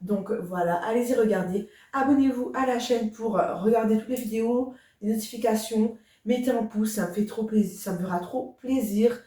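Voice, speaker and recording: Chatting directly to viewers, a young female beauty vlogger talks enthusiastically but quietly at a moderate pace, hardly pausing, in a higher voice. The casual get-ready-with-me vlog is captured by a camera standing at a distance in an echoey indoor room, so she sounds far away.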